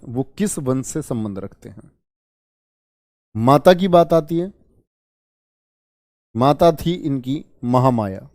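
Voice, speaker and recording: A man's voice: medium pitch, darkish tone, dry recording, studio quality. A man teaching an online exam-prep history class, repeating key terms and quizzing his students as he goes. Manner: addresses students as children.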